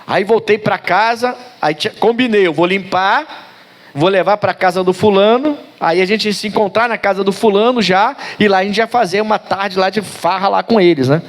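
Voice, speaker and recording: Emotional pastor telling a story. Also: male voice, sits high, normal speed. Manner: emotional, swings from hushed to loud, colloquial address to listeners. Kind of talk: sermon with personal storytelling.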